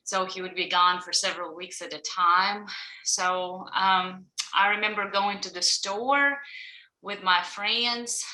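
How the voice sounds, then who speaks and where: A Ukrainian college professor of about forty gives a personal account as an interview guest over a video call, speaking with a Ukrainian accent. Her voice is on the low side, pushed and bright, and the call from her indoor room at home or office sounds roomy and echoing.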